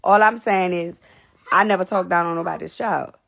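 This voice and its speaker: A young woman chatting straight to her livestream viewers, blunt and salty, circling back on the same words. Her voice has a gravelly fry underneath, and she is a little short of breath. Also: fairly low pitch, steady tone, normal speed, fairly bright tone. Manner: blunt, repetitive, profane. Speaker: livestream host. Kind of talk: casual livestream talk to viewers.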